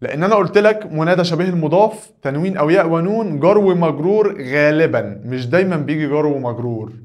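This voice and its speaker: A man's voice: on the high side, fast talker, darkish tone. Egyptian man drilling grammar questions. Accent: Egyptian Arabic. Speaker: Arabic teacher.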